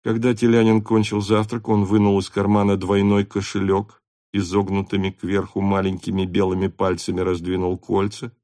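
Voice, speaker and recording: Low-voiced male audiobook narrator. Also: no echo, studio quality. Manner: steady, measured reading.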